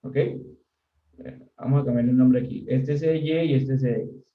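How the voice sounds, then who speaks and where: A man's voice: mid-range voice, fairly even intonation, normal speed, recorded from a distance. A man teaching a civil engineering class in a casual, chatty way, always checking whether his students follow and joking with them. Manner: chatty, constantly checks understanding with "¿sí?", jokes with students. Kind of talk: casual recorded lecture. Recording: dull, roomy audio from off mic.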